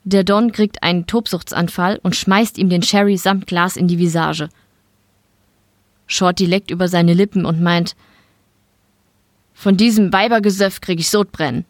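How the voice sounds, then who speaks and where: A woman narrating a short story in an audiobook style, steady and matter-of-fact. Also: lowish voice, normal speed, no room sound, studio quality. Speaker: reader.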